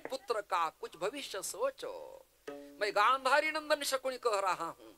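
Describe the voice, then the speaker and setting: A man's voice: high-pitched, wildly swooping pitch, unhurried, sharp tone, soft background music, pitched above the performer's own voice, exaggerated voice. A man doing sly scheming uncle Shakuni. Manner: coaxing, sly. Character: scheming male royal uncle Shakuni, wheedling.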